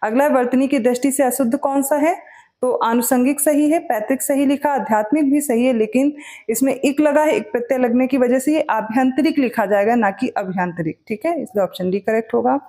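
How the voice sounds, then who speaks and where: Woman, high-pitched, teacher, brisk exam answer walkthrough, asks questions then answers them. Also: mellow.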